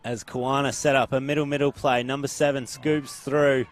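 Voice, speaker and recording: Brief: Australian male play-by-play caller, upbeat, mid-pitched, reading names and numbers live at a ground. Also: flat delivery, normal speed. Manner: upbeat, calls players by number and name. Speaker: play-by-play commentator. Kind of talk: live sports commentary. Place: outdoor sports ground.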